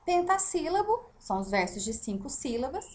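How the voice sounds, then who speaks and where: A woman's voice: sits high, very animated, moderate pace. A female Brazilian Portuguese teacher giving a recorded lesson, explaining step by step with rhetorical questions and checks for understanding.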